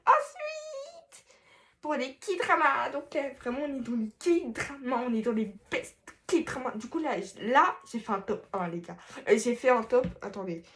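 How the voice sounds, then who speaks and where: A woman vlogger in a face mask chats at a normal speed, her slightly high voice full of lively intonation. The conversation rambles playfully, with fillers, restarts and self-mocking remarks.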